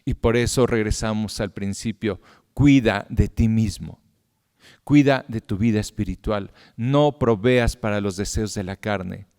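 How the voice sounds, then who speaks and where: Middle-aged male pastor, smooth resonant voice, impassioned sermon delivery with loud peaks and hushed drops, long church reverb. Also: moderate pace, hardly any pauses. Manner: impassioned, rising loud at appeals then dropping to a low hush. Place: church hall.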